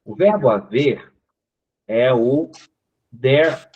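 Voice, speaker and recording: This English teacher, a man with a Brazilian Portuguese accent, speaks very slowly at medium pitch, his voice a little mellow and slightly rough. In an online class heard through tinny, narrowband call audio, he explains patiently step by step and checks in with his students often.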